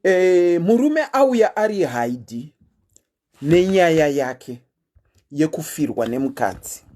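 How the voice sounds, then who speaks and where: A woman with a deep voice and a Zimbabwean accent hosts her show, taking it slowly in a casual, chatty monologue. She animatedly shares her news with listeners, sprinkling in lots of "eh" fillers.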